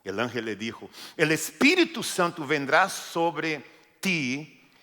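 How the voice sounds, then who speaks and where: Male pastor mid-sermon, bright, slow, animated, acts out voices; long hall reverb. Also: fairly high pitch. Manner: lively, jokes, acts out voices.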